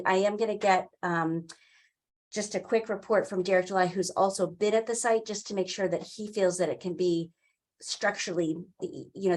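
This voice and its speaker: An older woman speaks on a video call in a slightly low voice. She briefs a meeting informally, in a halting, explanatory way, pausing often mid-phrase. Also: a little mellow. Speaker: town wetlands staffer running a public meeting. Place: indoor room, on a video call. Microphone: computer mic on a video call.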